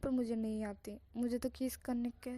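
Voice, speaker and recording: A woman's voice: on the high side, steady tone, moderate pace, mellow, no room sound, natural voice. A woman voicing a shy, innocent young man who gets flustered easily. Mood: bashful.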